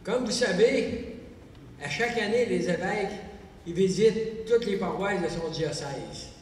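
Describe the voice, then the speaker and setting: An older man, a retired mechanic, beginning a stand-up joke softly and hesitantly. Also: sits high, measured pace. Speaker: retired mechanic, amateur comic. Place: theatre stage. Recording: echoey hall, far mic, noise.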